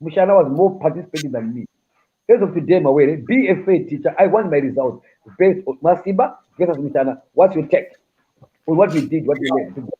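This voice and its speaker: A man from Zimbabwe chatting loudly and jokingly from a hospital room, boastful and playful, recorded on a phone camera. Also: a little high, animated, brisk, a little hiss or hum. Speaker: patient filming himself. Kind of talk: casual chat. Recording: tinny phone-like audio.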